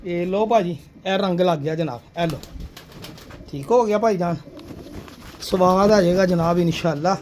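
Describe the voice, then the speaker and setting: High-voiced man selling pigeons. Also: moderate pace, pauses often, a little mellow, a little hiss or hum. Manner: persuasive, addresses viewer as sir and brother. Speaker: pigeon seller showing birds. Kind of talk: casual sales pitch.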